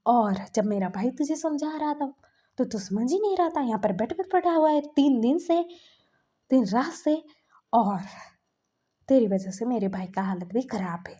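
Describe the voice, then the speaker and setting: A woman doing a bossy, protective young man in a read-aloud story, higher voice, mellow tone. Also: lively intonation, normal speed, husky. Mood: scolding. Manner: scolding, bossy. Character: protective, scolding young man, best friend.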